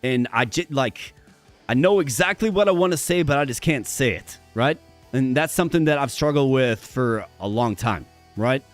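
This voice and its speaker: Faint music sits behind a male streamer giving casual, upbeat live commentary as he talks straight to his viewers. His mid-range voice has lively intonation and normal speed but sounds strained and worn, with occasional stutters and repeated words.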